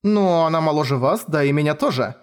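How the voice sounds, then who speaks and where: A man's voice: fairly high pitch, lively intonation, brisk, natural voice. A man voicing a blunt, grumpy young woman journalist with a sardonic manner. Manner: gruff, sardonic.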